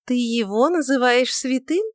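A woman voicing a proud, quick-tempered young beauty who talks in a mocking, defiant way, on a dry recording. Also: fairly high pitch, animated, no echo, pitched above the performer's own voice, close to an everyday voice. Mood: scornful.

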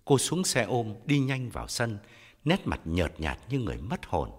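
A man narrating a story in a measured, expressive audiobook style. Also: medium pitch, in a large hall.

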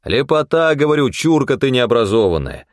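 A man's voice: lowish voice, huge pitch swings, normal speed, vocal fry, no echo, clean studio sound, full character voice. A man voicing a wary, bossy old mentor who scolds in blunt, folksy talk. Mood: grumbling. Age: older.

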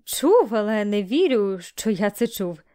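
A woman's voice: mid-range voice, very animated, a little slow, warm tone, smooth. A woman reading a teasing young man. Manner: playful teasing. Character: young man, teasing, cheerful best friend.

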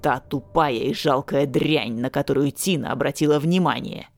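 A woman voicing a young man possessed by darkness, speaking in a slow menacing growl. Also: sits low, creaky, no echo, studio quality, faint music behind, pitched below the performer's own voice. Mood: sneering. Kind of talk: audiobook character voice.

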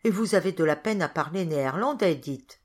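A self-satisfied male innkeeper pries with question after question in a lively, lilting voice, as a woman reads him in an audiobook. The voice sits somewhat low for a woman. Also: a little fast, breathy edge. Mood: prying. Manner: smug, prying.

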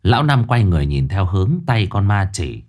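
Brief: male storyteller, lively pitch, dramatic scripted horror narration. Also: a little fast.

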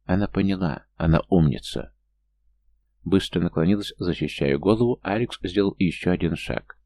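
A man's voice: normal speed, mellow. A man narrating a fantasy story as an audiobook reader, voicing all the characters himself. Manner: reads every character's lines himself, lifting his pitch for younger or smaller figures.

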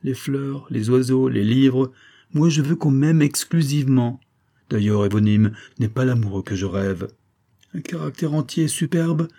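A man's voice: mid-range voice, mellow, voice pushed up, lightly acted. Man voicing a disdainful, melancholy young woman. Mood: dreamy. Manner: sighing, disdainful. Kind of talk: audiobook character voice.

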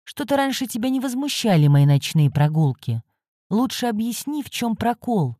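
A woman's voice: fairly high pitch, big pitch swings, normal speed, dark tone, no echo, clean studio sound, pitched above the performer's own voice. A woman voicing a frightened young woman student who whispers anxiously. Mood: irritated.

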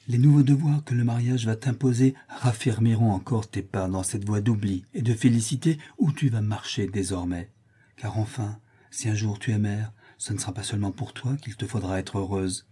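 A man's voice: on the low side, normal speed, warm tone, breathy edge. A man reading an audiobook, voicing a loving prince and father who speaks with fervent tenderness. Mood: tender.

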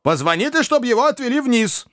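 A man voicing a hot-tempered old gentleman who blusters and barks orders. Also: very high-pitched, big pitch swings, a little fast, dry recording, studio quality, pitched above the performer's own voice, heavily acted. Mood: blustering.

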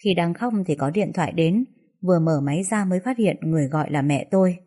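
A woman narrating a first-person story in a soft, sorrowful way. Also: on the low side, expressive, fast talker.

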